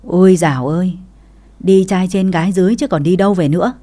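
A blunt young sister-in-law with a sharp tongue, as a woman storyteller puts her on. She speaks in a low, mellow voice. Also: a little fast, close to an everyday voice. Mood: mocking.

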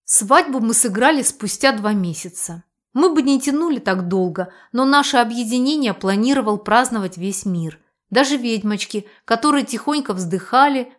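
A woman reading a first-person novel aloud as audiobook narration. Her voice sits somewhat high, and she reads expressively, leaning into the feeling of each passage.

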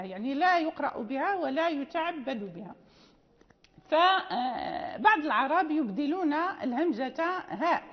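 Female recitation teacher, high pitch, explanatory lecture delivery, long hall reverb. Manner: explanatory, with frequent fillers and restarts. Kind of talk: classroom lecture. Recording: dull lo-fi audio with long reverb.

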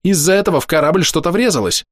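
A tough young female first officer bristles with indignation and speaks bluntly, as a man voices her. Her lines are pitched well above a plain reading voice. The sound is close and dry, with no room around it. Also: animated, quick pace, dry recording, natural voice. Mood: indignant. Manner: brash, indignant, coarse.

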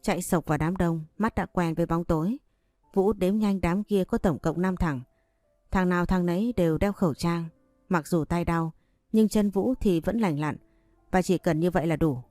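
A woman narrating a story in an audiobook with steady, even delivery. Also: lowish voice, normal speed, dry recording, faint music behind.

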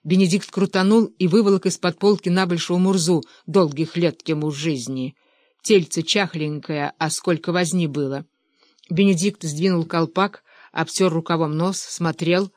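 Steady audiobook storyteller, dry close sound. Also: medium pitch, moderate pace, no room sound. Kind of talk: audiobook narration.

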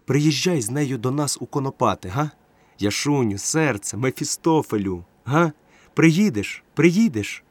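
A man reading an audiobook, voicing an exuberant tipsy friend who is effusive, coaxing and given to loud calling out. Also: medium pitch, animated, measured pace, no room sound. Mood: pleading. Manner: gushing, coaxing, calls out loudly. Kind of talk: audiobook character voice.

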